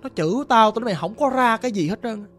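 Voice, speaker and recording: Narrator doing a cruel, scared old matriarch, Southern Vietnamese, blunt talk, soft music bed. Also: medium pitch, animated, racing, close to an everyday voice. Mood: frightened. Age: older. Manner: blunt, coarse, frightened. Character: cruel, fearful rich old mother.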